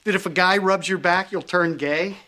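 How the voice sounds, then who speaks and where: A man's voice: high voice, moderate pace, pushed and bright. A middle-aged man acting in a sitcom as an upbeat dad, chummy, coaxing and a little smug. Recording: noisy sitcom soundtrack.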